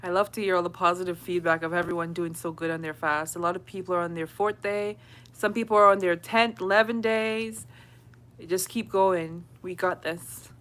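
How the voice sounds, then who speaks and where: A woman's voice: on the low side, fairly even intonation, normal speed, fairly bright tone. Chatty woman hosting a live chat. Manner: chatty, laughs often, reads and answers comments. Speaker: livestream host. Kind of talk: casual live chat with viewers.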